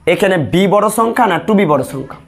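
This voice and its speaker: A man's voice: high voice, expressive, fairly quick. A male math teacher leading a classroom lesson, asking questions and repeating the answers step by step. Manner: repetitive call-and-response questioning.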